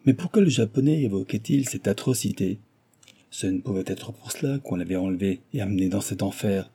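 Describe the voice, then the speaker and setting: Husky, dark-voiced male narrator. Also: lowish voice, expressive, a little fast. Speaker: audiobook narrator. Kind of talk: reading a novel aloud.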